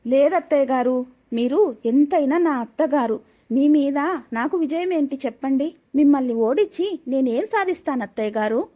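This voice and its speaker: A woman voicing a patient, polite young daughter-in-law who speaks pleadingly and gently. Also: high voice, expressive, normal speed. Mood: gentle.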